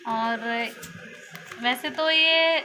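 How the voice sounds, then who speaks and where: A woman vlogs casually from her family home, chatting and walking through things step by step. Her voice sits high, pushed and bright, with drawn-out words, captured on a noisy phone recording.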